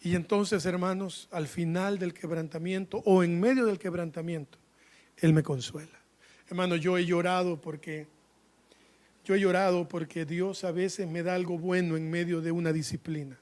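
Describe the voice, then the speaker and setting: A man preaching a sermon, calling his listeners brothers again and again and swinging between loud outbursts and hushed asides. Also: high voice, fairly even intonation, normal speed. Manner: fervent preaching, constantly addressing the congregation as brothers.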